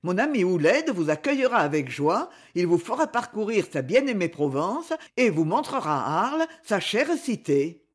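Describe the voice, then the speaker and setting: A reader voicing a proud young English duke, speaking in measured, haughty sentences. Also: mid-range voice, very animated, husky. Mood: courteous.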